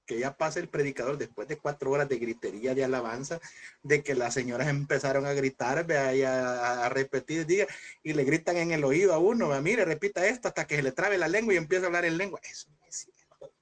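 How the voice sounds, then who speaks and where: A man teaching a Bible seminary class in a lively preaching style, asking rhetorical questions and acting out scenes in sudden high shouts. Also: fast talker. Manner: animated, mimics voices with sudden high shouts; addresses listeners as brother, rhetorical questions.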